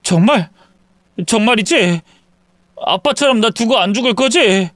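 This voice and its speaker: Man doing a crying teen son, high, urgent, pleading, clean dry read. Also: lively intonation, takes it slowly, a bit bright, dry recording, exaggerated voice. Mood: tearful pleading. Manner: high, urgent, sobbing pleas. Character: teenage boy, remorseful, tearful and pleading.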